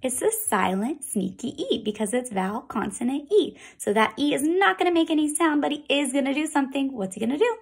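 With a high, animated, gravelly voice, a woman teaches kindergarten children phonics. Her teacher talk is slow and sing-song, with sounds drawn out.

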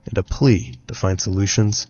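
A man reading a scripted narration in a measured, even way. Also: fairly low pitch, breathy edge. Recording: dull lo-fi clip with faint music.

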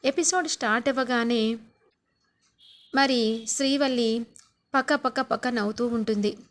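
A woman hosts a serial review and retells the episode as a story. She stretches and stresses her words emphatically, in a slightly high voice. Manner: drawn-out, emphatic narration.

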